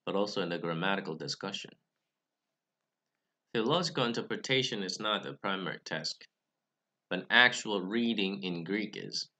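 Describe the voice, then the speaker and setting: A young man who hosts a Bible study channel gives a careful, scripted talk to camera about reading Greek scripture. English is his second language, not his first. His deep, sharp-toned voice is measured, with occasional restarts.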